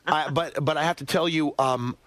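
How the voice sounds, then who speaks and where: A man's voice: a little high, steady tone, normal speed, a bit bright, dry recording. A man guesting on a radio interview, talking in a rambling, self-deprecating way and swearing freely. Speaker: actor guest. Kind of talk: casual interview chat.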